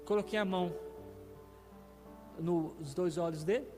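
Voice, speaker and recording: A man's voice: high-pitched, unhurried. A Brazilian man preaching as a guest pastor, telling a personal testimony as a vivid storyteller who acts out the dialogue. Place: church sanctuary. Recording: reverberant church hall with faint music.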